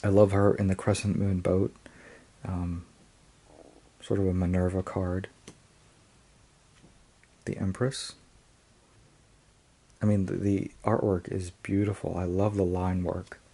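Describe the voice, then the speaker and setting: A man's voice: low voice, level tone, slow, long pauses, dark tone. A man casually reviewing and unboxing a tarot deck, hesitant, with frequent ums and restarts.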